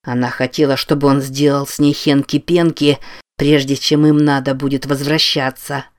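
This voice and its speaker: A sly, oracular bull mask speaks in a slow, low drone, as a man puts it on for an audiobook. Its delivery stays flat and unhurried, all knowing insinuation. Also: lightly acted. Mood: sly, mocking.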